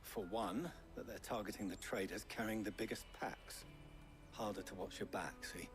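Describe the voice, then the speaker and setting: An actor playing a gruff, streetwise shopkeeper in a video game, blunt and knowing in manner. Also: male voice, fairly low pitch, steady tone, normal speed, close to an everyday voice. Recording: game audio with music underneath. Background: game music.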